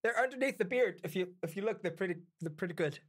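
A woman's voice: mid-range voice, animated, fast talker. Woman at a tabletop game, teasing dry jokes, voice moves up and down a lot. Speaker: player. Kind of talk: casual tabletop role-play chat.

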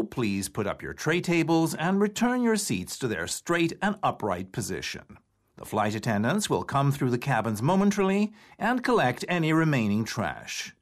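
Man acting as airline captain making a lively-pitched cabin announcement. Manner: formal flight-crew announcement, like a flight attendant's. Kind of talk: scripted test-audio announcement.

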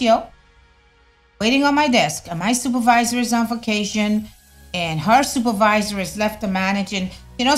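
A middle-aged woman vlogs at her desk, her voice pitched high and lively. She talks in a conversational, sermon-like way, tossing in slang. A faint bed of music plays behind her. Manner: animated, conversational, preachy asides with slang. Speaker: vlogger. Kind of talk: casual opinion vlog. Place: home room, indoors. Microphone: fixed camera at desk.

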